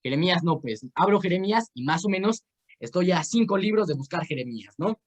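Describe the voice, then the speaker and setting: A young man with a Mexican Spanish accent and a noticeably high voice leads a casual online Bible class. He rambles through personal stories and instructions, filling pauses with "este" and restarting sentences. He speaks into a video call microphone. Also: animated, lo-fi sound.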